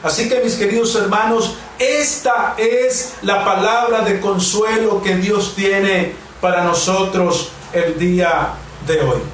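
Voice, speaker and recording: A man in his forties from Mexico, a pastor preaching a devotional and then leading prayer, with slow, emphatic repetitions. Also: high-pitched, fairly bright tone. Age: 40s. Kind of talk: sermon and prayer. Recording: very echoey room, distant mic, faint hiss.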